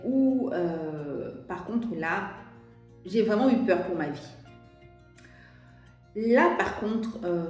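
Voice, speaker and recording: A woman's voice: fairly low pitch, darkish tone. A young French woman telling a personal story to camera, hesitant, with many restarts and fillers. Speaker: vlogger. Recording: very echoey room.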